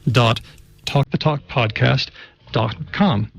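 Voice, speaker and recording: A man hosting a radio talk show, chatting in a relaxed way with lots of "uh" fillers. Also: mid-range voice, slow, creaky, slightly rough. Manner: relaxed, chatty, many "uh" fillers, reads items aloud. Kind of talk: casual radio chat.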